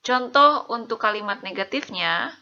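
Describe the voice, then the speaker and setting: A bright, clear-toned woman explains grammar in a patient teaching voice. She slows right down on each example sentence and keeps checking that her listeners follow. The recording is slightly muffled and lo-fi. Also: on the high side, animated. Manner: slow, deliberate example sentences. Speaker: English teacher. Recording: muffled lo-fi voice-over.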